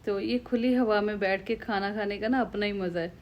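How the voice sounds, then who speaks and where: A young Pakistani woman with a Pakistani Urdu accent and a slightly hoarse throat, chatting to viewers in a casual travel vlog. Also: medium pitch, moderate pace, lo-fi sound. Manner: chatty, conversational, addresses viewers directly. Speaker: vlogger.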